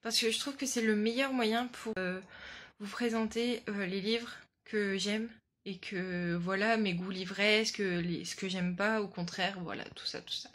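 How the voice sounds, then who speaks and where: A young French woman in her late teens talks to her phone camera about books she loves. Her voice sits in an ordinary middle pitch. She is eager and chatty, and she fills her sentences with hesitations. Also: fairly even intonation, a little slow, fairly bright tone. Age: young adult. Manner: chatty and enthusiastic, many fillers. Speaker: book vlogger. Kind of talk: casual chat. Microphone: phone in selfie mode.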